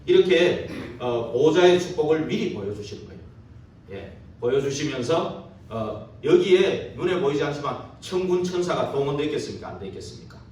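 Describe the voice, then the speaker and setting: A man's voice: a little high, animated, moderate pace, a little mellow, a little hiss or hum. A man preaching a sermon as a pastor, posing rhetorical questions and checking agreement with the congregation through tag questions. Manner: poses rhetorical questions to the listeners. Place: church sanctuary during a service. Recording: very echoey church hall from far off.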